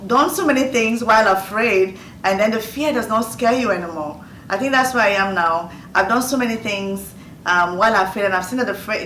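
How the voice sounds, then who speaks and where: Speaking in a mid-range, fairly bright voice with a Nigerian accent, a Nigerian woman in her fifties offers earnest advice in a motivational Q&A talk, repeating phrases to drive points home. The recording has a roomy, distant-mic sound and faint noise.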